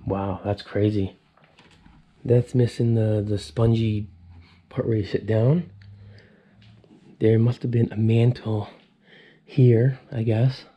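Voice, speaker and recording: Exploring vast empty mansion rooms, a man in his thirties records a casual vlog on an action camera held at arm's length, thinking out loud with awed remarks. His lowish, level voice is unhurried and full of pauses, and the sound is dull.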